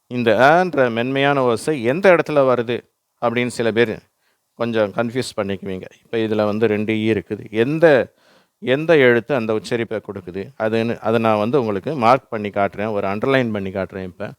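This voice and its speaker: A man with a Tamil accent gives a patient pronunciation lesson, reading words one by one so learners can repeat them. His voice is smooth and clear, and the recording is dry and close. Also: medium pitch, normal speed, dry recording. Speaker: English teacher. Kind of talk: slow instructional explanation.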